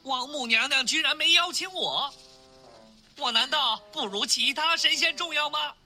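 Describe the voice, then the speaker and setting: A woman voicing a brash, mischievous male monkey king in a storybook, speaking loudly in a cocky manner. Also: fairly high pitch, sing-song, moderate pace, faint music behind, exaggerated voice. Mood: brash indignant. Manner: loud, cocky.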